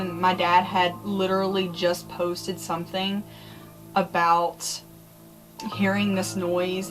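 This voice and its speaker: A woman's voice: mid-range voice, poor audio. A woman talking casually to viewers as a vlogger, telling spooky personal stories in a chatty, conversational way. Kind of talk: casual storytelling about eerie happenings. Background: music.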